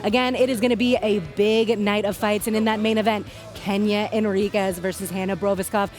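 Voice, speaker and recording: A woman's voice: medium pitch, steady tone, fairly quick, a little mellow, faint music behind. A woman hosting a live combat sports broadcast in an upbeat presenting style. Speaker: fight broadcast host.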